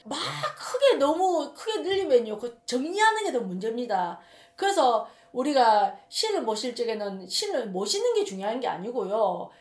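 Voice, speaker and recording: A woman's voice: on the high side, sing-song, moderate pace, a little mellow. A woman shaman with a Gyeongsang Korean accent telling a story in casual monologue, emphatic and rambling, often repeating her words. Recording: roomy echo.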